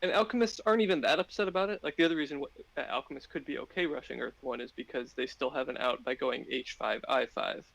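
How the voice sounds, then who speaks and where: A man's voice: mid-range voice, fast, gravelly, hardly any pauses, a bit bright, rough recording. A man talking through board game strategy on a live stream, thinking aloud with many fillers and restarts.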